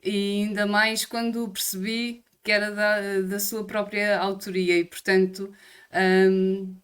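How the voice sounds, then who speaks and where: Smooth, level-toned Portuguese woman. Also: mid-range voice, level tone, slow pace. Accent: European Portuguese. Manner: hesitant, many filler sounds. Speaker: psychologist co-host. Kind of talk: warm-up remarks on a talk show.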